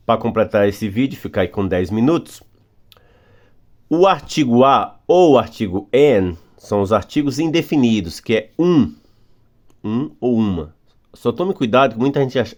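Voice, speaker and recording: Lively Brazilian teacher. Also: male voice, medium pitch. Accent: Brazilian Portuguese. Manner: patient, repeats words slowly for students. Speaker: English teacher. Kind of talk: recorded grammar lesson for beginners.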